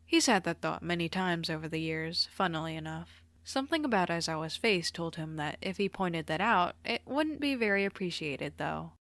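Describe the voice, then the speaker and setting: Woman narrator, fan story reading, low voice, dry close sound. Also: animated, moderate pace, few pauses, a bit bright, no echo. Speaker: podfic reader.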